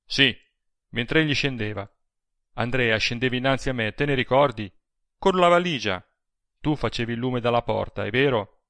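A man reading an audiobook, voicing a burly, brooding man who speaks in a rough, tense tone. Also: medium pitch, normal speed, no echo, lightly acted. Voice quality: rough, dark tone.

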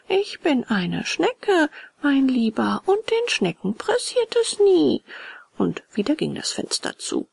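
A woman reading a children's storybook aloud in an expressive manner with whispery stretches. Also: mid-range voice, creaky, no echo. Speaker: reader. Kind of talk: storybook narration.

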